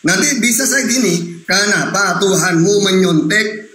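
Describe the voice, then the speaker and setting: A man's voice: sits high, unhurried, pushed and bright. A man hosting a live religious debate, teasing his opponent and cutting in often. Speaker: host answering questions on religion. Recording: echoey room with noise.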